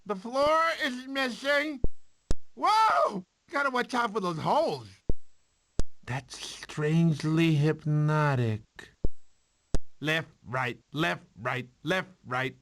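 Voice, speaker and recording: An actor playing a cowardly, talkative male sloth in an animated video game, with an excitable, theatrical, whiny delivery. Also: on the high side, takes it slowly, slight background noise, exaggerated voice. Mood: nervous, boastful.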